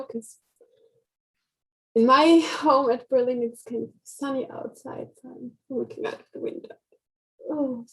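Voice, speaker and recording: Woman from Finland, workshop participant, husky voice, gentle and musing, video call. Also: a little high, poor audio. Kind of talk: casual discussion on a video call.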